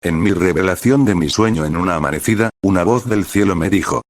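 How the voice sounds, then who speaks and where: A pastor from Peru reading aloud a prophetic vision in a slow, solemn, dramatic manner. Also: male voice, low voice, no echo, studio quality.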